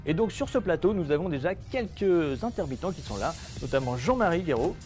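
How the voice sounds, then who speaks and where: A man hosting a web TV show and introducing guests with an upbeat, lively delivery and a voice slightly above the usual pitch. Music plays clearly behind him. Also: brisk. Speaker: host.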